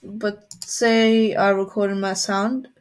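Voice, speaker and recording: A woman as a coding tutor, explaining a software tool step by step in a screen-recorded tutorial. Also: medium pitch, little pitch movement, slow pace.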